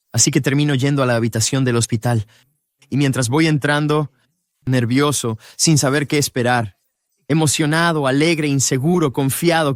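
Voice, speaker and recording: A man narrating his own faith testimony in an earnest, confessional way, looking back on his time as a missionary. His voice sits a little higher than most men's. It is recorded close and dry, with no room sound. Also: no echo. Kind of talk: personal testimony storytelling.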